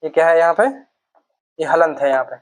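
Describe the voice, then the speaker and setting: A male teacher giving a classroom lecture. He dictates notes at a slow pace and repeats each phrase so students can write it down. He keeps asking the class questions and then answers them himself. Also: a little high, fairly even intonation. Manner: dictates slowly, repeating words for students to note down.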